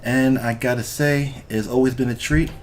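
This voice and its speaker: Informal male podcast host, mid-pitched. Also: steady tone, moderate pace, slight background noise. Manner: informal, profane, addresses listeners directly. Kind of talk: casual podcast chat.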